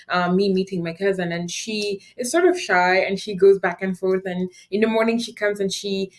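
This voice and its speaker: An animated young woman from Afghanistan talks through her story as an interview guest. She speaks quickly, laughs often and acts out the voices of the people in her story. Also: medium pitch. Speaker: guest, nonprofit founder. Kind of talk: conversational storytelling.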